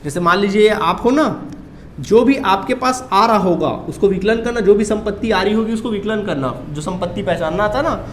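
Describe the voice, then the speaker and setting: Male commerce teacher, high voice, roomy classroom echo, quizzing his class. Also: expressive, normal speed, slight background noise. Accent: Chhattisgarhi Hindi. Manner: drills students with repeated questions. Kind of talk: classroom lecture.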